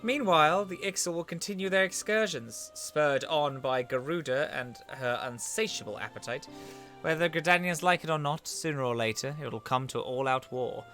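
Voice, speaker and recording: Streamer guy as a formal young scholar, read off the screen, bright timbre. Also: fairly high pitch, moderate pace, faint music behind. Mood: earnest. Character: earnest young male scholar, read aloud. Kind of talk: reading game dialogue aloud.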